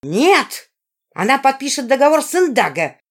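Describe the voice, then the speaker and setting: A woman's voice: fairly high pitch, very animated, a little fast, pitched above the performer's own voice. Woman voicing a shrieking, furious young woman. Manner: shrieking, raging. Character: furious jealous young woman, screaming threats. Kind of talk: audiobook character voice.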